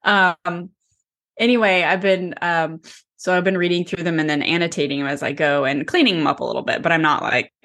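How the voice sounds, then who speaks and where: Woman co-host, tired, low-ish voice, loose rambling chatter. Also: steady tone, brisk, fairly bright tone. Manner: chatty, rambling, self-deprecating, laughs often. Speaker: podcast co-host, author. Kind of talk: casual chat.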